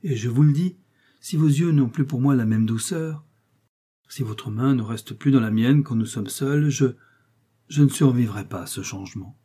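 A man reading aloud, voicing a young lovesick chevalier who pleads earnestly and softly. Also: normal speed, husky, close to an everyday voice. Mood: pleading. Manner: pleading, softer and lower. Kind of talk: audiobook reading.

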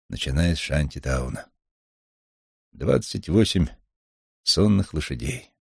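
A man narrating a first-person novel in a steady, grim storytelling manner. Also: extremely low pitch, slightly rough, no room sound, clean studio sound. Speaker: audiobook narrator.

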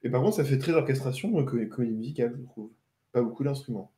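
A man's voice: medium pitch, fast talker, warm tone. A man co-hosting a casual podcast about film music, thoughtfully giving his opinions. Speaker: podcast co-host.

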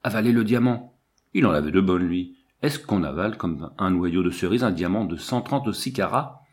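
Casual: guy reading an audiobook out loud, steady storytelling, lowish voice. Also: normal speed. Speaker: audiobook reader. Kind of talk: first-person audiobook narration.

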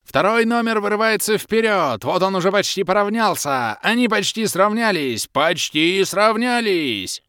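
An excitable young woman yells race commentary at full tilt, as a man voices her. The pitch leaps high and wide. Dry, close recording. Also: a little slow, hardly any pauses, clean tone, dry recording, heavily acted. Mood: excited. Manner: breathless race-commentator shouting.

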